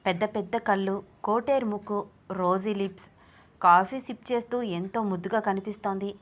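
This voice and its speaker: A woman reading a romance story aloud as narrator. Her delivery is gentle and even. She keeps a steady, unhurried reading pace. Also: mid-range voice.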